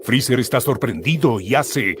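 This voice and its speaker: A man's voice: medium pitch, expressive, moderate pace, slight background noise. A man narrating a cartoon episode like a storyteller, adding comic asides. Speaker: storyteller, streamer.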